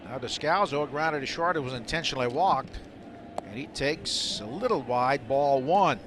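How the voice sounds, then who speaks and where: Loud stadium noise surrounds a man calling a baseball game live on the radio from an outdoor ballpark booth. His mid-range voice is animated and moves at normal speed, delivered in short, clipped, descriptive bursts.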